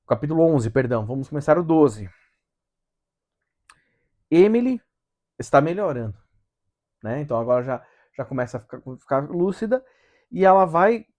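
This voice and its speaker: A man's voice: fairly high pitch, a little mellow. A man hosts a casual book study. He talks things through conversationally and keeps asking whether the listener follows. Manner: conversational, with frequent tag questions.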